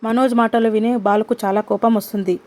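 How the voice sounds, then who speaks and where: A woman narrating a recap of a family drama in steady, scripted storytelling. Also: fairly high pitch, fairly quick.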